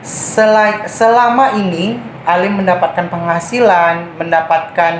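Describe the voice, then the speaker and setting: High-voiced young man, modest guest. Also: fairly even intonation, unhurried. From Bintan, Riau Islands, Indonesia. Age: 20s. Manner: modest, polite, calls the host Bang. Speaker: traditional dancer, guest. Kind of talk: casual interview chat. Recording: echoey room with faint noise.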